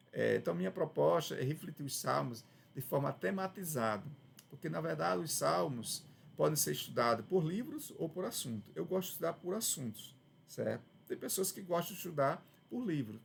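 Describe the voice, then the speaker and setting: A man's voice: medium pitch, gravelly, slightly rough. A man with a Brazilian Portuguese accent giving a conversational Bible study lesson, often checking in with "né?" and restarting phrases. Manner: conversational, frequent "né?" tags and restarts. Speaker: Bible teacher.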